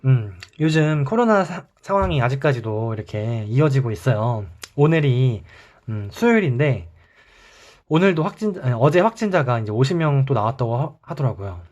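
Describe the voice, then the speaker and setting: A man teaching an online math class, talking students through each step as he draws. His voice sits at an ordinary middle pitch. The recording is slightly muffled and lo-fi. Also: normal speed. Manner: calm, explains step by step while drawing.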